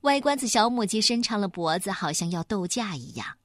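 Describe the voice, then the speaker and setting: A woman narrating a children's story in an expressive, animated way. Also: medium pitch, brisk, no echo, studio quality.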